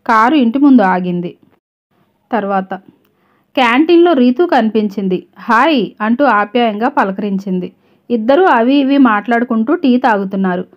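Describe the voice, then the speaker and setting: Woman storyteller, steady even narration, fairly high voice, slightly muffled lo-fi recording. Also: moderate pace.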